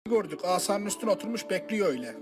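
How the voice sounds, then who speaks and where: Sneering school bully boy man acting, rapid coarse taunts for comic film dub, music underneath. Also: high-pitched, lively intonation. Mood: taunting. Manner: taunting, crude.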